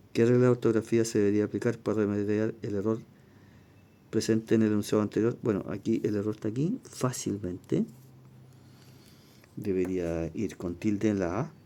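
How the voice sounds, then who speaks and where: Low, dark-voiced man teaching grammar. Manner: explains step by step, repeats rules, reads passages aloud. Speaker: language teacher. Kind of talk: exam review lesson.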